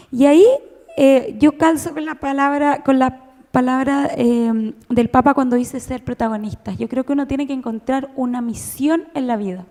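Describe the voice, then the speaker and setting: Chilean lady telling her story, high voice, lots of restarts, big church echo. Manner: emotional, animated storytelling with many restarts. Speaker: conference speaker. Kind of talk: personal testimony talk. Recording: long reverb of a church hall.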